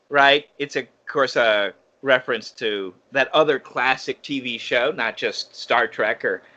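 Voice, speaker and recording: A man's voice: mid-range voice, pushed and bright, dull audio. A man co-hosting a podcast, chatting casually in an analytical way and correcting himself as he goes. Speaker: podcast co-host. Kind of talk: casual chat.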